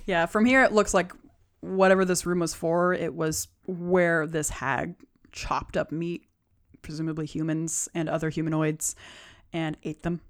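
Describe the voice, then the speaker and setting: A woman's voice: deep voice, level tone, measured pace. A young woman narrating a tabletop game as game master, casual and chatty. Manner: casual, with many fillers and light laughs.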